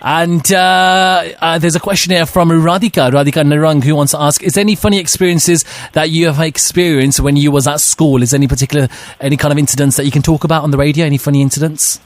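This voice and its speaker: A man's voice: fairly high pitch, steady tone, fast talker, hardly any pauses, no room sound. A man hosting a radio interview, reading out listener questions with frequent fillers. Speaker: radio host. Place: radio studio.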